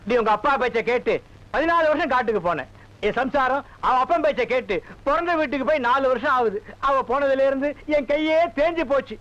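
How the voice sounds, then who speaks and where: Comic fussy village dad, high-pitched and theatrical, from a muffled old film. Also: male voice, a little fast. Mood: melodramatic. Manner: loud, melodramatic and scolding. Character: fussy, theatrical village father, middle-aged man. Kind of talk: Tamil film comedy acting. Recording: dull lo-fi film soundtrack.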